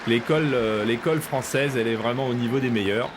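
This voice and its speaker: A man giving live combat sports commentary in measured, admiring phrases. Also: medium pitch. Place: ringside in a packed arena. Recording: loud arena crowd and noise behind.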